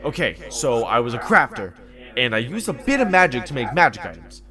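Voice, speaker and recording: With a crowd audible behind him, a man speaks briskly in a mid-range voice close to his everyday one, playing a foul-mouthed, amnesiac former magical fabricator in an audio drama. Elated, he urges himself along, shifting between muttered focus and excited outbursts.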